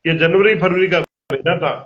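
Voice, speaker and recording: A man with a high voice tells a chatty anecdote and quotes the people in it. His voice rings in an echoey room. The audio is muffled and lo-fi. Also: normal speed. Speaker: guest. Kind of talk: casual chat, telling an anecdote.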